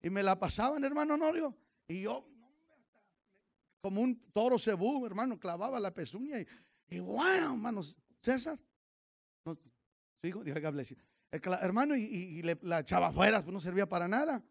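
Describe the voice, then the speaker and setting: High gravelly preacher man. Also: lively intonation, moderate pace. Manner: swings from shouted sung praise to low storytelling; joking, chatty asides to the congregation. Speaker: pastor. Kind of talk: sermon. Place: church.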